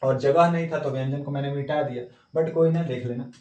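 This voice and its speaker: A male teacher giving a classroom lecture. He repeats key words, quizzes his students, and drops low and soft to answer his own questions. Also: brisk. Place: classroom with a board. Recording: echoey classroom, voice from a distance.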